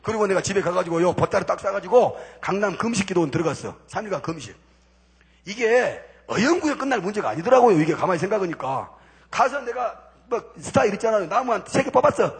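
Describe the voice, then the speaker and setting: A man's voice: high voice, very animated, fast talker, slightly rough. A man giving a spoken testimony from a church pulpit, telling his story emphatically with punchy repeated intensifiers. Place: church sanctuary before a congregation.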